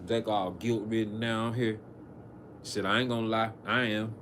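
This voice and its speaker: A man reading scripture on a livestream, with casual, profane asides and halting, filler-laden commentary. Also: on the low side, level tone, a bit bright, slight background noise. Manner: halting, frequent fillers and restarts. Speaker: preacher on a livestream.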